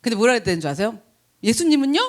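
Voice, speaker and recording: Animated middle-aged woman pastor telling stories. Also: mid-range voice, brisk. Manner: chatty, animated anecdote with laughs and acted quotes. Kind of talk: sermon storytelling. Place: church.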